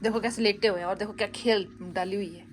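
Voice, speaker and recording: A woman's voice: mid-range voice, steady tone, fast talker. A young woman vlogging casually about her day, chatting with her viewers as friends. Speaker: family vlogger. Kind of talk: casual vlog chat to viewers. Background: background music.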